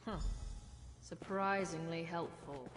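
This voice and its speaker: A woman's voice: fairly low pitch, slow pace, music in the background. An actress playing a wary, practical woman gambler in a video game, speaking in a dry, matter-of-fact way. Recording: long reverb, faint noise.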